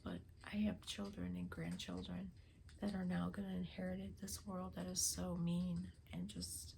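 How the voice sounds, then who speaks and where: An older woman running a spirit box session for her vlog, speaking in a hushed, often whispered, earnest and emotional way, pleading for signs. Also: on the low side, animated, measured pace, gravelly, a little hiss or hum, low-quality recording.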